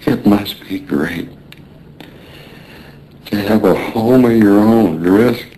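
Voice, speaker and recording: Playing a wistful, dying old American sailor talking to his mate, a male actor delivers halting, weary, drifting lines in a weak, failing voice that is gravelly and creaky yet warm. The mood is one of wistful longing. It's a noisy radio drama with rumbling ambience behind him.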